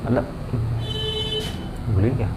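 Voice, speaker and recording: A man's voice: slow pace, background noise. A man teaching grammar, asking a question and then answering it himself, repeating the key words, with phrasing. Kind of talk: classroom-style grammar lesson.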